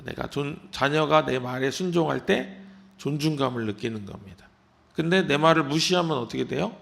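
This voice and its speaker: A man preaching at a dawn service, talking to his congregation like he is chatting with them. His voice is heavily gravelly and creaky at a middle pitch. Now and then he slips into a parent's scolding tone to make his point. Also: fairly bright tone. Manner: conversational, acts out parents' scolding lines. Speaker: pastor. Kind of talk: early-morning sermon.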